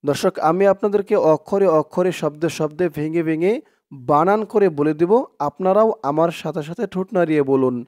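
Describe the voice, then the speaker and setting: A man with a high, smooth, clear voice teaches recitation in a spoken lesson. He spells words out letter by letter and draws out the long vowels. The sound is dry and close, with no room echo. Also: fairly quick, a little mellow.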